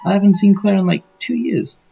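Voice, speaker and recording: A chirpy fellow gamer with a voice pushed up high, exclaiming in bright surprise, as a man puts him on. The delivery is bouncy and exaggerated, with a little music faint in the background. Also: a little fast, gravelly, slightly rough, heavily acted. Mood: surprised.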